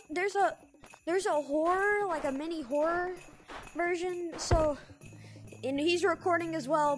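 High voiced woman playing a vr game, slow rambly excited commentary, keeps repeating herself. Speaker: gaming video creator. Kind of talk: casual gameplay commentary.

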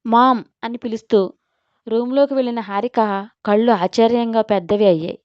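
Woman narrator for an audio story, lively and expressive, smooth slightly high voice, dry dull recording. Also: a little fast, no echo.

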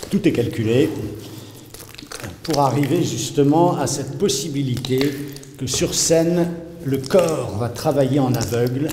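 Older-sounding artist guy musing slowly, lots of ums, echoey big room. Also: mid-range voice, a little hiss or hum. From Congo. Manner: halting, searching for words with many fillers. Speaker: performance artist. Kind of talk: reflective voice-over. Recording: roomy hall reverb under loud music.

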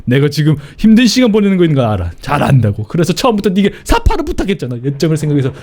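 Aggrieved, pleading letter writer from a horror game read by a man, theatrical, insistent, highish voice. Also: huge pitch swings, very fast, darkish tone, heavily acted. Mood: exasperated. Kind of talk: dramatic read-aloud of game notes.

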